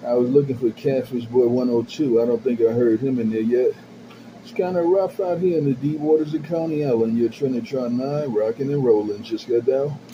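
A man's voice: mid-range voice, fairly quick. Man on a hissing CB radio. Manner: rhythmic, repetitive sign-offs. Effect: CB radio transmission. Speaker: CB radio operator. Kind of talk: CB radio chatter with repeated handle call-outs. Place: home base station. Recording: muffled radio with static hiss.

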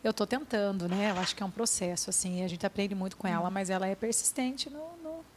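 A woman, a guest on a talk show, chatting in an animated, laughing way about her kids. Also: mid-range voice, fast, a little hiss or hum. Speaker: guest mother. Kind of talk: casual chat.

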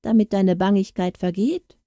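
A woman's voice: mid-range voice, steady tone, normal speed, dark tone, no echo, clean studio sound, lightly acted. Woman reading as a grumbling little dwarf man. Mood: teasing. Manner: grumbling, lecturing. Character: small proud grumbling male dwarf, kindly but touchy.

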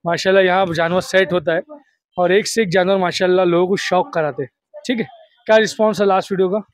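A man hosting an outdoor goat sale, chatty and upbeat, echoing the seller's answers back in a steady patter. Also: sits high, quick pace. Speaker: host of a livestock sale video. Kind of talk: casual on-location interview.

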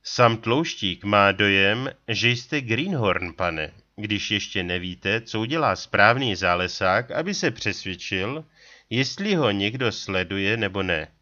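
A man's voice: fairly low pitch, expressive, bright, forceful tone, lo-fi sound. A man voicing a small, stout, sly frontier trapper who talks in a folksy backwoods drawl, in an audiobook. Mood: sly lecturing. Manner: folksy, drawling backwoods talk with a pet catchphrase. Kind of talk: audiobook character voice.

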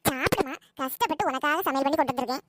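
Woman doing a sweet-talking sneaky daughter, really high voice, noisy recording. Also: racing, natural voice. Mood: coaxing. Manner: wheedling, pleading. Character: coaxing, scheming adult daughter. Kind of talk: comedy skit acting.

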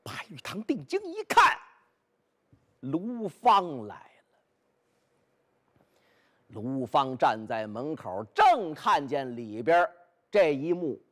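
A man performing traditional storytelling, animated and speaking directly to his listeners. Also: a little high. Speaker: pingshu storyteller.

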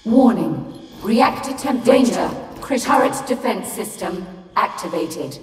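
A woman voicing an automated reactor alarm system, giving flat, clipped warnings over an echoing public-address speaker. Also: medium pitch, unhurried, noisy background. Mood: urgent alarm. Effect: echoing public-address announcement. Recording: echoey hall over loud game music.

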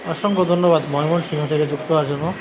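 A young man live streams, talking casually to his viewers in a voice a little high for a man. He speaks fast with a steady tone, and clear background noise runs throughout the recording.

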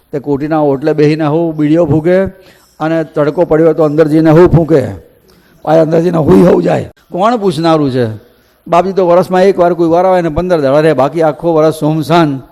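A man telling a devotional story in a folksy, animated way, acting out the villagers' voices. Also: on the high side. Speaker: katha storyteller. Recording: echoey hall reverb.

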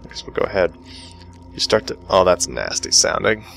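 A man hosting a let's play, reading game text aloud and reacting with sudden excited outbursts. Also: deep voice, normal speed, vocal fry, faint music behind. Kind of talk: casual gameplay commentary.

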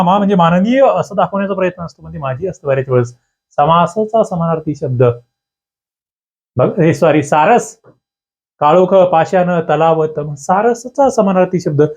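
Lively emphatic man teaching exam prep. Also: fairly high pitch. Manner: lively, emphatic, frequent rhetorical questions. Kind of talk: online exam-prep lesson. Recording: dull lo-fi sound.

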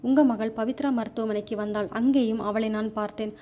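A woman's voice: on the high side, steady tone, a little fast, lo-fi sound, natural voice. A woman voicing a smug, scheming young man in a storybook reading, cool and taunting. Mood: accusing.

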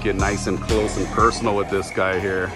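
Excitable low-voiced parent vlogger. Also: female voice, normal speed. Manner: excitable, chatty, lots of oohs and laughs. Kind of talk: casual walk-through vlog narration. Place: inside a large Halloween store. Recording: loud store music behind.

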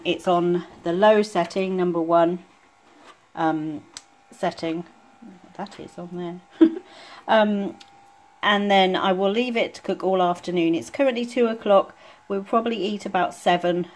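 A woman talking casually through each step of a home cooking demonstration in a relaxed, chatty way. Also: lowish voice. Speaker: home cook vlogger. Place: home kitchen.

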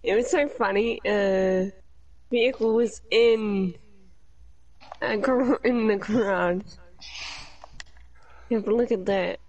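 Slow-talking woman with a New Zealand accent. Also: mid-range voice, a little mellow. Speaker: gamer friend. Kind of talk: casual gaming chat.

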